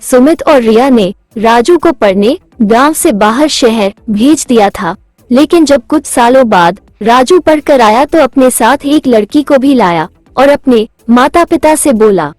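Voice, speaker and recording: A woman narrates a cartoon moral story in a steady, measured storytelling voice. Her voice is high and sounds dry and close. Faint music plays underneath. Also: dry recording.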